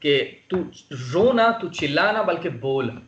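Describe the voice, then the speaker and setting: A man with a high voice preaches an earnest sermon over an online video call. His exhortations rise and press the point. The sound is dull and lo-fi, in a roomy space. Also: sing-song, slow, a bit bright. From Pakistan. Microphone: online call microphone.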